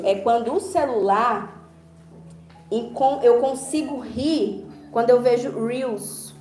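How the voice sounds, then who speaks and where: A woman pastor preaching a conversational sermon, acting out little dialogues along the way. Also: a little high. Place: church hall. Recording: roomy church hall with faint music.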